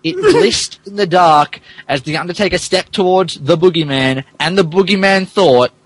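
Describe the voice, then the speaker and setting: Here a male podcast host gives fan fiction a mock-dramatic reading in a high, sing-song voice at a moderate pace, regularly stepping out of character for amused remarks. His delivery is theatrical, and the recording quality is low.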